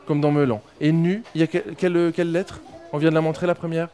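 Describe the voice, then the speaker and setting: A woman's voice: deep voice, flat delivery, quick pace, a crowd in the background. A woman teacher in a classroom with a French Polynesian accent, patiently prompting young pupils syllable by syllable. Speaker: kindergarten teacher.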